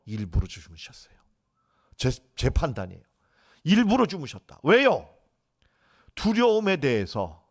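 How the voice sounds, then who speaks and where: A middle-aged male pastor preaching a sermon, leading the congregation in call-and-response and acting out quoted lines. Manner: dramatizes quoted speech with swings in pitch and volume.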